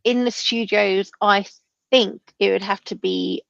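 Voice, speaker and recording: A woman's voice: mid-range voice, fairly even intonation, unhurried, gravelly, fairly bright tone, no room sound, lo-fi sound. A woman hosting a casual chat and asking questions, with slightly imprecise R and W sounds. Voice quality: trouble pronouncing R's and W's.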